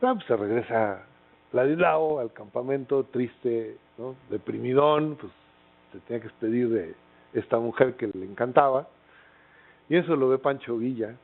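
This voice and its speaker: A middle-aged Mexican man with a Mexican accent lectures like a relaxed storyteller, his mid-range voice gravelly and his pace normal. He uses lots of fillers and tag questions. The recording sounds tinny, as if made on a phone.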